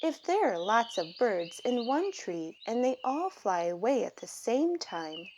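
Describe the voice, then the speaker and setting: Slow, lilting woman reading a storybook. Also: fairly high pitch, a little hiss or hum. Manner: deliberate, expressive phrasing for young children. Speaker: storybook reader. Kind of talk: children's picture book read-aloud.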